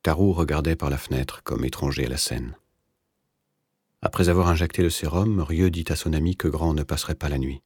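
A man reading a novel aloud as narrator, in a measured, even literary delivery. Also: a bass voice, slightly rough, no echo, clean studio sound. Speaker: audiobook narrator.

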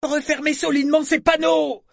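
A man voicing a frightened young boy who shouts orders on a ship in a storm, in a high, strained voice. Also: brisk, dry recording, studio quality. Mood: desperate shouting. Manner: high, strained, desperate yelling.

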